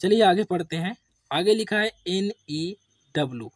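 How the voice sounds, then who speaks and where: A man teaching English spelling to beginners, drilling words slowly with repeated questions and answers. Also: high voice, lively intonation, dry recording. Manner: slow, repetitive call-and-response drilling. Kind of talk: classroom lesson for beginners.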